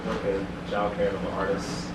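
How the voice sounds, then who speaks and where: A man's voice: on the low side, monotone, moderate pace. A man in his twenties chatting casually, laid-back and terse. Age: 20s. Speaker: participant at a storytelling circle. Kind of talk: casual chat. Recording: distant mic in echoey room, loud noise.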